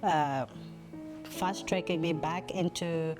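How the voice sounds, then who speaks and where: A woman's voice: sits low, steady tone, slow pace. A woman giving a hesitant personal testimonial as a program graduate, with many fillers. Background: background music.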